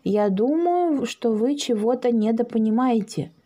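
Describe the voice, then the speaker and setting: A woman voicing a sensible, slightly ironic father who speaks in a measured, drawn-out way. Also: fairly high pitch, animated, warm tone. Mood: awkward.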